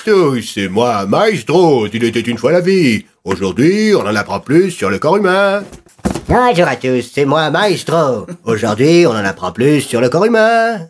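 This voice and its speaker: A man's voice: mid-range voice, very animated, measured pace, a little hiss or hum. A man doing a little old cartoon sage. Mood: instructive. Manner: greeting and explaining like a presenter.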